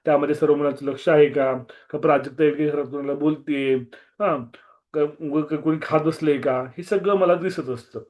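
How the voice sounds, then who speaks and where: A slightly hoarse man with a Marathi accent, teaching a strict online maths class over a video call and repeating key words, with some English mixed in. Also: a little high, fairly even intonation, normal speed, darkish tone. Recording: muffled video-call audio.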